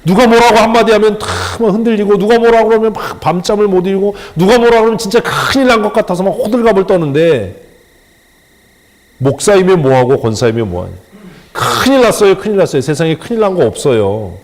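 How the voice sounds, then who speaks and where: A male pastor delivers a sermon in a fairly high, very animated voice that leaps up and down in pitch. He talks to the congregation plainly and with humor, acting out short exchanges instead of reading. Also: a little fast. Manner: animated, colloquial, acts out dialogue with humor.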